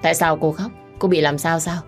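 A woman's voice: sits low, steady tone, fairly quick, faint music behind. A woman voicing a worried caring young man. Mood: concerned.

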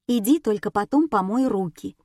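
A woman reading an audiobook, voicing a calm, stern teenage girl who speaks firmly. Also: mid-range voice, normal speed, no echo, clean studio sound. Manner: calm, firm.

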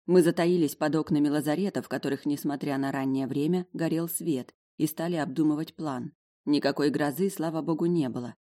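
Low-voiced woman, steady expressive audiobook narrator. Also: a little fast. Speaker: audiobook reader. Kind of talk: first-person fantasy audiobook narration.

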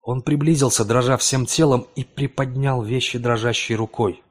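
Male narrator, husky timbre, measured dramatic horror reading. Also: mid-range voice, fairly even intonation. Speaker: audiobook narrator.

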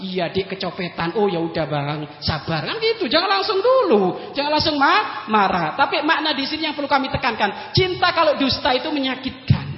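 A male Islamic preacher giving a humorous sermon, joking with his congregation and firing quick questions at them, swinging from loud bursts to low asides. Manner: jokey, addresses listeners directly with quick questions. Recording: echoey hall, dull lo-fi sound.

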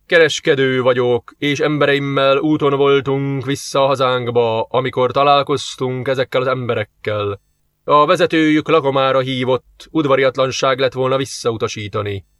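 A man's voice: mid-range voice, steady tone, a bit bright, no echo, lightly acted. A man voicing a haughty bearded merchant.

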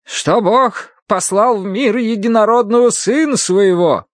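A man's voice: high voice, no echo, studio quality, voice pushed up. A man voicing a stern, pious old woman. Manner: slow, grave, declaiming. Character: stern pious older woman reading scripture.

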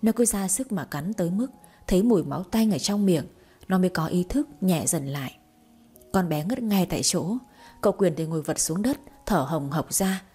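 Mellow, husky woman narrating a story. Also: fairly low pitch, moderate pace, soft background music. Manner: steady, expressive storytelling. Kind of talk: audiobook narration.

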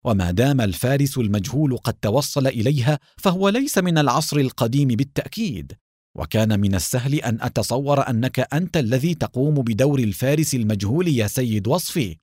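A man as a calm, analytical captain. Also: mid-range voice, breathy edge, no echo, clean studio sound. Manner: calm and measured.

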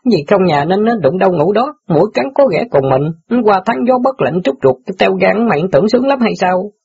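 Man voicing a cheeky street newspaper boy, fast brash banter, lively pitch, husky gravelly voice. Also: full character voice. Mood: teasing. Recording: dull lo-fi audio.

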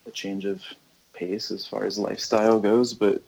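A man's voice: fairly low pitch, moderate pace, gravelly, low-quality recording. An American man, a touring musician, talking casually and thinking aloud during a phone interview. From United States. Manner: rambling, relaxed, thinking aloud.

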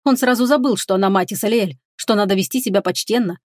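A woman reading a fantasy novel aloud as audiobook narrator, in a measured, expressive manner. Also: medium pitch, no room sound, studio quality.

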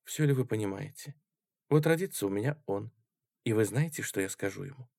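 A man reading an audiobook, voicing a passionate, devout and defiant young woman in a quiet, intense way. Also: on the low side, animated, fairly quick, creaky, no room sound, clean studio sound. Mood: hushed.

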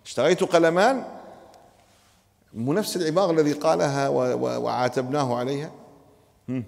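A man's voice: mid-range voice, fairly even intonation, fast, vocal fry, a little mellow, big-room sound. A man teaching a grammar lesson to a class, asking students questions and correcting them.

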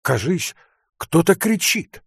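A bold, impatient young hunter , as a man reading a story puts him on, who urges and orders in a raised, ringing voice. The voice is slightly husky and very lively in pitch, and the recording is dry and close. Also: slow, dry recording, full character voice. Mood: alarmed. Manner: urgent, commanding, shouting.

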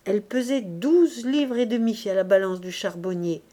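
A woman reading a classic novel aloud as an audiobook, with measured, expressive narration. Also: mid-range voice. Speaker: audiobook reader.

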